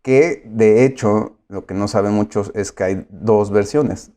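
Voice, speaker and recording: A man giving a lecture, pausing often with filler sounds and explaining patiently. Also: fairly low pitch, mellow. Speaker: course lecturer.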